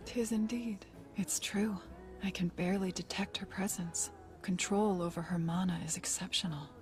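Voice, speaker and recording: A woman's voice: medium pitch, expressive, normal speed, faint music behind, lightly acted. A woman playing a formal, attentive fantasy mentor in a cartoon dub. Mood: impressed.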